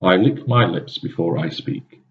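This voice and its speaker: A man reading a scripted first-person narration in a cold, calculating, measured manner. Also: deep voice. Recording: dull lo-fi recording.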